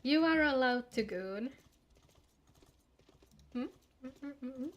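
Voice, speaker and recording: The audio is dull as a woman with a high, expressive voice streams an online game and speaks slowly. She chats informally and playfully with her viewers, cursing freely in this casual gaming livestream.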